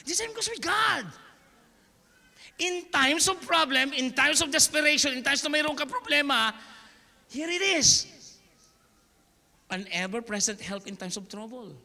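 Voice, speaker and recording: A man with a Filipino accent preaching an animated, joking sermon. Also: very high voice, unhurried, gravelly, pauses often. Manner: animated, joking, mixing English and Tagalog. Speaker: pastor. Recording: reverberant hall.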